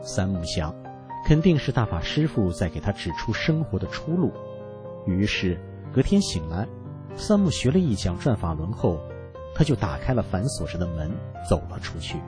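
A man reading a story aloud for a radio program in an earnest, measured narrating voice. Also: low-pitched, very animated, over music. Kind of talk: scripted narration.

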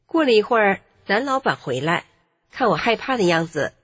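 A woman narrating her own life story in an earnest, measured way. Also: medium pitch, sing-song, husky. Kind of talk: first-person testimony narration. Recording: long reverb with faint music.

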